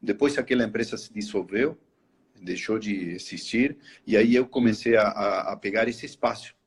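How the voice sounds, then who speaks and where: Here a husky, lowish male voice moves at a moderate speed through a video-call connection. The speaker, a middle-aged Argentine whose mother tongue is Spanish and who carries an Argentine Spanish accent, is a guest on a live interview telling his story. He's hesitant throughout, restarting lines and tacking on frequent "né?".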